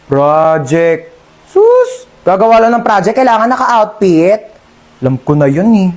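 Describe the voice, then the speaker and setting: A Filipina woman performing comedy skits, talking in a sassy, teasing way with loud outbursts. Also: medium pitch, lively intonation, moderate pace. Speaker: comedic skit performer playing a mother. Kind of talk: comedic skit acting. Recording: noisy background.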